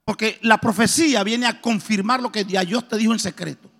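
A middle-aged man preaching a testimony sermon, telling his story in a lively way and acting out the dialogue. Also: high voice, a little fast, creaky. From Colombia. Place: church. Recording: reverberant church hall.

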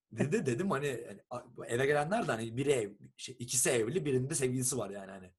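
A young man from Turkey, telling a long story in a casual, animated chat and acting out what people said. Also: mid-range voice, fast, slightly rough. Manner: animated storyteller who acts out quoted texts and swears casually.

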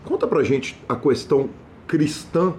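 A man hosting an interview, asking long questions haltingly with many restarts. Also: fairly high pitch, sing-song, darkish tone, a little hiss or hum. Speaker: interviewer, host.

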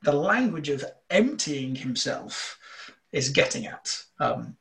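A man with a slight northern English accent, explaining scripture in a relaxed discussion, earnest and full of fillers. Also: a little high, slow, gravelly. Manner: earnest, explanatory, thinking aloud with many fillers. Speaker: bible teacher. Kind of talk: casual theological discussion.

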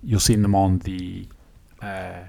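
A man's voice: sits low, level tone, takes it slowly, vocal fry, mellow. A man with a Manx accent hosting a casual interview podcast, with informal, rambling phrasing. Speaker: podcast host.

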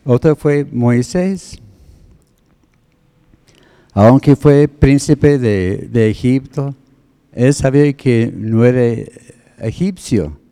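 A man preaching a sermon, explaining word meanings in a slow, deliberate teaching manner. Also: mid-range voice, warm tone, smooth.

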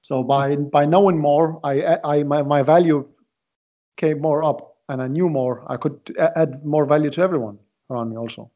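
A man in his late twenties, originally from Iraq, talking as a podcast guest in a halting way, often repeating words as he searches for them. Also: on the high side, steady tone. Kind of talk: casual interview talk. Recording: dull lo-fi audio.

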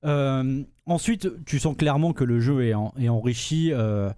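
A man's voice: medium pitch, normal speed, warm tone, clear, resonant tone, dry recording, clean studio sound. A man on a podcast describing a game in casual chat, hesitant with many fillers and restarts. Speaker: podcast host reviewing a game.

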